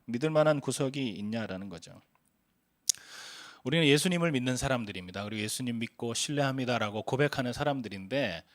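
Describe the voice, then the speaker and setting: A man's voice: mid-range voice, dry recording. A man in his forties preaching a sermon as a pastor, telling stories earnestly with frequent hesitant fillers.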